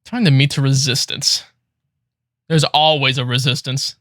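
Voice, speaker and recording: A man streaming a game gives casual live commentary in a playful, wry way, with faint game music behind him. His mid-range voice is fairly bright with fairly even intonation and a moderate pace. The studio sound is clean, with no room sound.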